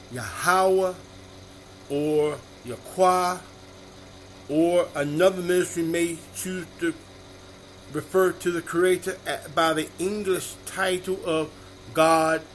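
Slow, deliberate preacher man. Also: a little high. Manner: repeats each verse reference slowly and deliberately. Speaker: minister. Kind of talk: slow sermon-style scripture reading.

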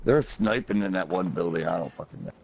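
A man chatting casually and swearing as he plays a video game, prone to excitable exclamations. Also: deep voice, fairly quick, gravelly, slight background noise. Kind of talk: casual gameplay chat with profanity. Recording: gunfire and clicking behind voice. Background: video game gunfire.

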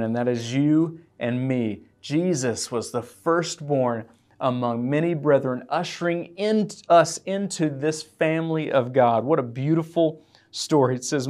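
A pastor preaching an earnest, emotional sermon and reading scripture aloud. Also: male voice, fairly high pitch, a little mellow. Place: church.

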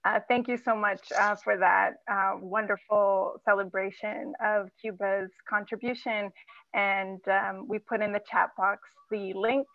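A woman's voice: mid-range voice, fairly even intonation, creaky, dry recording. Woman on a tinny, dry phone line. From Zimbabwe. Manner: halting, many fillers. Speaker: conference moderator. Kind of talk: online conference moderation.

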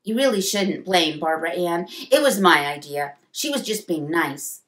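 A woman voicing a quiet, shy fifth-grade boy in a storybook read-aloud. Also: on the low side, lively intonation, moderate pace. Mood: earnest. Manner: soft, quiet.

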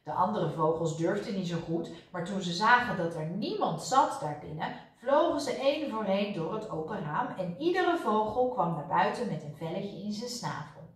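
A woman's voice: medium pitch, very animated, normal speed, hardly any pauses, far from the mic. A woman, a teacher, reading a children's storybook aloud expressively. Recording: roomy echo, voice off-mic.

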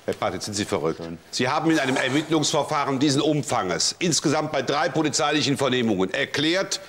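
An actor playing a lawyer in a scripted courtroom show who grills a witness with pointed sarcasm. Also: male voice, mid-range voice, lively intonation, a little fast, fairly bright tone, a little hiss or hum, lightly acted. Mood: indignant.

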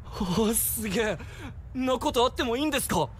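A man voicing an excitable, naive teenage boy in an anime, eager and stammering with rough casual speech. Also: very high voice, fairly quick, slight background noise. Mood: excited. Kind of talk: anime dub acting.

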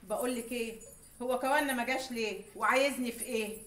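Woman acting out a doting Egyptian foster mother, coaxing, quick, roomy echo. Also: on the high side, a bit bright, lightly acted. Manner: affectionate, coaxing. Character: doting woman who raised an orphan girl. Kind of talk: TV drama acting.

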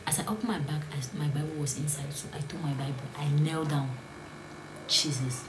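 Woman, storytime vlog, low voice, earnest and hushed, echoey room. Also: normal speed, noisy background. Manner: earnest, often dropping to a hushed whisper. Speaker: vlogger. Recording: roomy echo, faint ambience.

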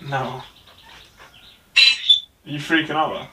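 A man hosting a ghost-hunting vlog inside an abandoned house, calling out hushed, coaxing questions to the spirits. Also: fairly high pitch, steady tone, slow, recorded from a distance, heavy background noise. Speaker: paranormal investigator host.

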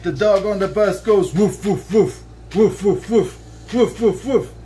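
There's slight background noise as a man in his thirties, lying on a bed in the bedroom, sings his child a children's song from a book. His voice is high-pitched, mellow and a little slow, and he keeps it playful and sing-song, stretching the ends of lines. A camera a few feet off captures it.

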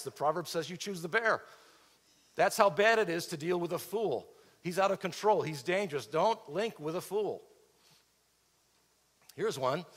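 Middle-aged pastor preaching in a hall. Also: male voice, mid-range voice. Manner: expository preaching with rhetorical questions, pacing the stage. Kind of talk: sermon. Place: large church auditorium stage. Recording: reverberant church hall.

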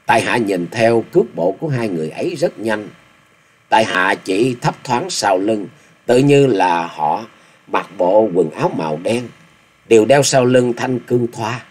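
A man's voice: fairly low pitch, lively intonation, a little slow, slightly rough. A man voicing a polite but stubborn young male swordsman who gives formal, proud replies. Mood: earnest.

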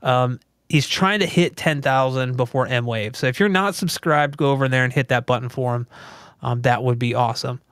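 A man's voice: medium pitch, normal speed, fairly bright tone, clear, resonant tone, dry recording, studio quality. A man hosting a casual livestream podcast from a home theater room, explaining things in an easygoing way with lots of fillers. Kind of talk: casual tech chat.

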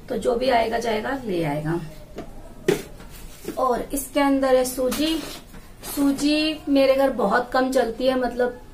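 A high-pitched woman in her thirties, a housewife vlogger, casually walks viewers through her groceries, chatting and explaining while handling jars and bags. The setting is a small indoor room with tiled walls and a wooden door, and the low-quality recording carries slight background noise.

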